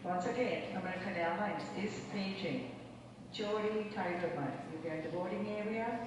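A woman's voice carries over an airport public-address loudspeaker, a formal paging announcement delivered in a measured, clearly spoken way. It booms back from a long, echoing terminal hall and is heard from well away from the mic. The busy terminal hums underneath it. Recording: echoey terminal PA heard from far off, noisy.

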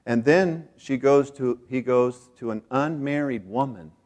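An American man preaches as a pastor in an unhurried, medium-pitched voice. Phrases come back again and again for emphasis, while his delivery swings from hushed to loud and excited.

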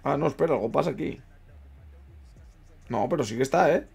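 A young man giving casual commentary while playing a football management game, chatting with viewers, swearing and yelling at big moments, then muttering low. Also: lively intonation, a little fast, creaky, husky, faint music behind. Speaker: gaming streamer. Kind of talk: casual live gameplay commentary.

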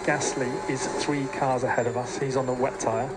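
A man speaking over team radio as a race engineer, giving calm, clipped instructions and repeating the key calls. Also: medium pitch, moderate pace, very noisy. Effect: team radio transmission.

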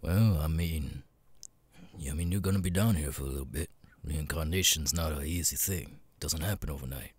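A gruff, world-weary cat demon bartender, played by a man, speaks in an extremely low and very husky voice. He mutters with hesitant pauses, jaded like an old gambler. It is an ASMR roleplay, recorded close and very dry. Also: dry recording. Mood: wry, reassuring. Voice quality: deep, raspy, gravelly.

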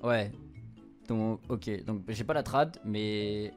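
Over game music, a young adult male streamer plays a visual novel and translates it on the fly. His voice is fairly low, slow, and a little mellow, and his casual commentary is informal and slangy, mixed with English words.

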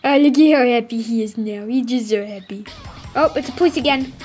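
An excitable woman with a high voice, chattering and joking through a chaotic game and breaking into squeals whenever things turn bad. Quiet music plays in the background. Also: brisk. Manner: excitable, yelps and squeals when things go wrong. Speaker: gameplay streamer. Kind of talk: playful gameplay commentary.

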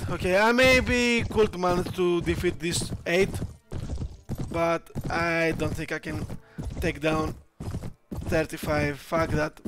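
High pitched guy, slow talker, griping and swearing at his game. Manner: frustrated, swearing, laughing at himself. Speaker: gameplay streamer. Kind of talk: casual game commentary.

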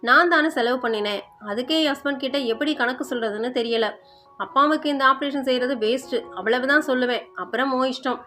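A cold, calculating elder sister in a spoken story, as a woman reads her. Her voice is high and sharp, and her lines come out as a scolding. Faint music plays under it. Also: brisk. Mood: hard.

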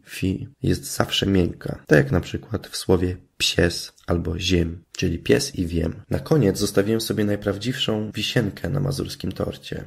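A man's voice: low-pitched, gravelly, a little mellow, husky. A man from Masuria, Poland, giving a scripted lesson as a channel host, methodical and careful with his pronunciation. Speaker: language educator and channel host. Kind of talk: scripted explanatory narration.

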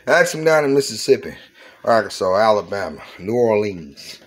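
A Southern US man in his 40s hosts a casual home cooking vlog from his kitchen, which has a countertop fryer. He chats playfully with repeated exclamations, his lowish voice swinging widely in pitch at a normal speed. The audio is poor.

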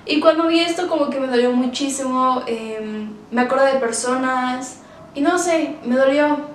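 A woman's voice: high-pitched, moderate pace, slight background noise. A woman casually reviewing books for her vlog, chatty and emotional, with many fillers. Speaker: book vlogger. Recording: roomy, distant from the mic.

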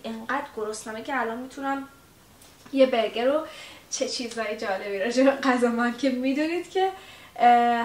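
Chatty woman teacher, roomy and distant. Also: on the high side. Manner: chatty, with many fillers, repeats example phrases slowly. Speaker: English teacher. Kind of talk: casual language lesson. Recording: roomy echo, distant mic, faint hiss.

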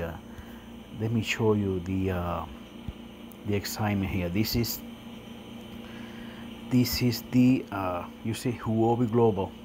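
Slow, lowish crypto-bro man, non-native English. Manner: crypto-bro hype, excited, repeatedly adds "man". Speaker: crypto video host. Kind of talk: casual screen-recorded vlog commentary. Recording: noisy phone screen recording.

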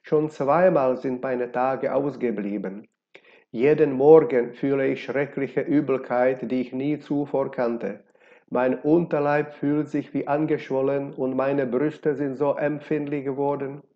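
A man's voice: mid-range voice, steady tone, a little slow, close to an everyday voice. A man voicing a passionate, defiant young unmarried woman in a read-aloud novel, speaking in a heated, accusing way. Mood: pleading. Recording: dull lo-fi recording.

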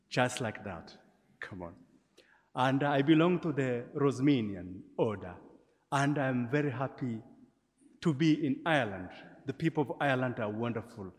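A man, a priest leading Mass in a measured, gentle way, his voice ringing with cathedral-like church echo. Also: mid-range voice. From Tanzania. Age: 40s. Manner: gentle, measured liturgical delivery with light humor. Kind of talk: celebrating Mass. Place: large church. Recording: long church hall reverb.

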